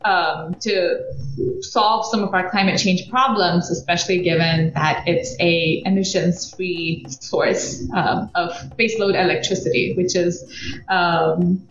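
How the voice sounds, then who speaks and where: A woman's voice: fairly low pitch, fairly even intonation, a little slow, background noise. Woman, 30s, from Belgium, hesitant podcast guest; echoey, dull sound. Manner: hesitant, many fillers and restarts. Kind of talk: casual interview. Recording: echoey, muffled podcast audio.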